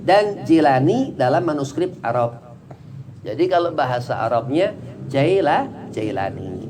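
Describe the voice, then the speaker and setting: A man's voice: on the high side, animated, normal speed, noisy background. A man teaching a religious study class, explaining in a chatty, digressive way with many small fillers.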